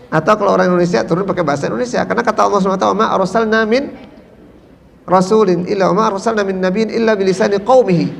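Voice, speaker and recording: High gravelly Minang preacher in a reverberant hall. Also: male voice, slight background noise. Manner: questions the audience and answers himself, with many tag fillers. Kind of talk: mosque lecture. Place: mosque.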